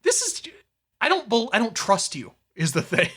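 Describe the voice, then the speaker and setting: A man's voice: sits high, huge pitch swings, normal speed, bright, forceful tone, breathy edge. A man co-hosting a podcast in casual, rambling, profane chat, now and then reading out news. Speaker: podcast co-host.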